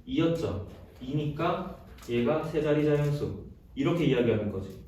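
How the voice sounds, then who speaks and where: A male math teacher lectures in a lively, rising-and-falling voice, stopping every few lines to ask students if they follow. He sounds distant from the mic, and the classroom echo is heavy. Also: on the high side, normal speed. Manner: checks in constantly with short questions, mixes casual and polite speech. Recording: roomy, distant classroom recording with faint noise.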